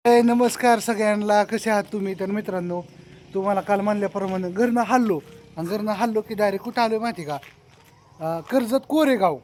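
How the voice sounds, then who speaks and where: A man's voice: sits high, fairly quick, a little mellow, a little hiss or hum. A young man, chatting casually to his phone camera in a rambling, filler-heavy vlog. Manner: chatty, loose rambling delivery with frequent fillers. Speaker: vlogger.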